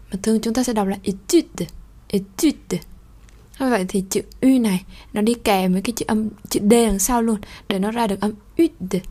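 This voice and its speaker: A woman teaching a pronunciation lesson. She slowly repeats French model phrases, sometimes in a whisper, then explains them quickly in a conversational way. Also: medium pitch, warm tone.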